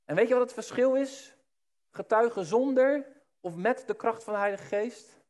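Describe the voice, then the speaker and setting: A man preaching a sermon, addressing the listeners directly and swinging between hushed and loud. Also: very high voice, normal speed.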